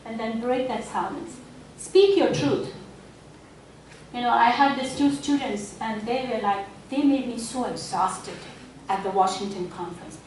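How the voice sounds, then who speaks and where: A woman's voice: fairly high pitch, a little slow, a little mellow. Earnest woman in an echoey hall. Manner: earnest, exhorting, frequent "you know". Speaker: community speaker and teacher. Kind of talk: speech to mothers and daughters at an event. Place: event hall. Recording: echoey hall, mic far off, faint noise.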